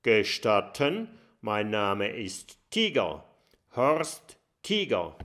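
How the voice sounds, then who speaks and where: A man voicing a huge, gruff jungle tiger in a children's story, who roars and then turns fawning. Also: lowish voice, big pitch swings, very slow, heavily acted. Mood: smarmy. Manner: loud roaring outbursts, then smarmy politeness.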